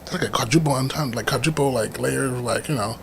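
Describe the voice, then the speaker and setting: A man co-hosting a podcast, making sarcastic, halting remarks that trail off. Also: medium pitch, vocal fry, slight background noise. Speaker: podcast co-host. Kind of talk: casual reaction commentary.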